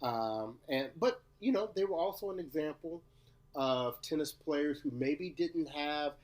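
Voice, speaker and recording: A Louisiana man co-hosts a casual podcast chat, teasing and playful in a laid-back way. His voice sits fairly high and is expressive, and he talks a little slowly.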